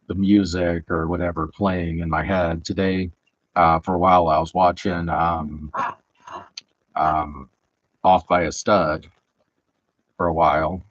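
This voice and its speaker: Slow, low-voiced Southern man rambling. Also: lo-fi sound. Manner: rambling, halting with many fillers. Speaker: streamer building Lego. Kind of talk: casual live-stream chat. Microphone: headset.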